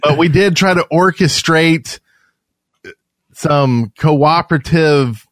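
A man's voice: on the high side, slow pace, no room sound. Rambling chatty man, dry close sound. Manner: rambling, self-correcting, chatty. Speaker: podcast co-host. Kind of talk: casual chat.

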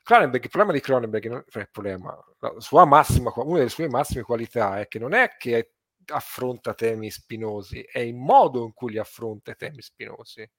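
A man's voice: mid-range voice, animated, brisk, no room sound. A man co-hosting a casual film discussion, circling his points and choosing his words carefully. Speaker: podcast co-host.

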